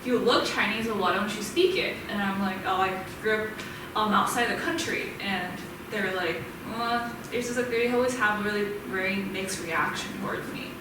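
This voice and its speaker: A woman's voice: mid-range voice, normal speed. A young woman student chatting in a group discussion, hesitant and full of fillers. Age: young adult. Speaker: student participant. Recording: echoey room, distant mic, background noise.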